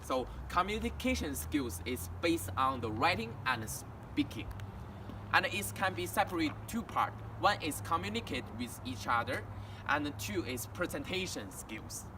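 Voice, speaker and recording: A young adult international student from China, Mandarin his first language, presents while walking outdoors by a house and street in a town. His Chinese-accented voice is a little high with big pitch swings, and he halts and restarts frequently, using simple learner grammar. The distant recording carries traffic noise.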